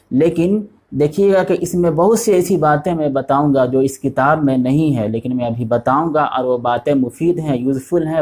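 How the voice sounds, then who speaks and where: A man's voice: on the high side, a little mellow. A man teaching an online language lesson, patiently repeating each word several times. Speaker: Arabic teacher.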